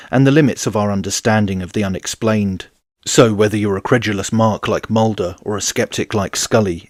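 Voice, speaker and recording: A man in his forties giving measured, wry, scripted documentary narration as a history channel host. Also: fairly low pitch, darkish tone, no room sound, clean studio sound.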